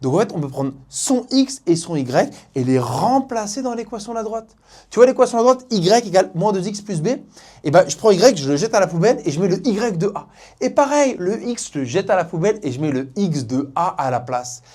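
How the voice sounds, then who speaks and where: Lively husky French math teacher woman. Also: fairly low pitch, fairly quick, hardly any pauses. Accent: Norman French. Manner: lively, playful, talks directly to the student. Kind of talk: video math lesson.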